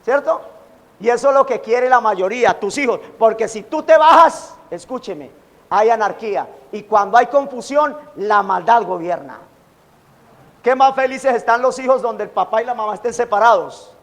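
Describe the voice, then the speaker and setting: Pastor guy preaching, really high voice, big echoey church hall. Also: normal speed. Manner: animated preaching, acting out quoted taunts. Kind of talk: sermon. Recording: long hall reverb.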